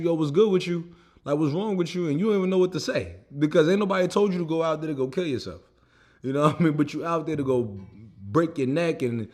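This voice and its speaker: A young American man with a slightly high, somewhat mellow voice tells stories about his own setbacks in a loose vlog style. He talks casually, peppering his speech with "like" and "you know what I mean."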